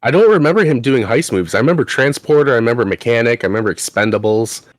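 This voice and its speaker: A man's voice: medium pitch, expressive, rapid-fire, no echo. A young man co-hosting a podcast in casual chat, rambling through lists and teasing playfully. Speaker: podcast co-host.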